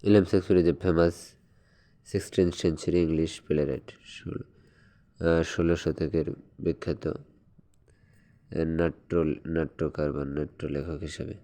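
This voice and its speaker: A man's voice: a bass voice, steady tone, dark tone. A man tutoring for an exam, reading quiz questions and answers one by one, with hesitations and fillers. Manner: reads quiz questions slowly, then explains in quick asides. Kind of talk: exam-prep lesson.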